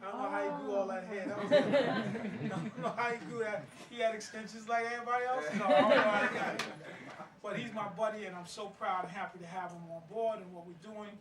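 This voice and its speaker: A loud crowd surrounds a middle-aged man whose high-sitting voice stays steady in tone and runs a little fast, informal and emphatic, plain-spoken and street-wise. He's a playwright and martial arts master in an informal spoken interview and presentation at an indoor play-reading gathering. The recording is roomy, distant-miked, with background people.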